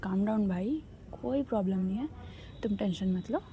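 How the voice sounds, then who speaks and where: A woman voicing a young woman who brushes off questions and soothes her partner in a calm, reassuring way. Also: medium pitch, normal speed, muffled recording, slight background noise, natural voice.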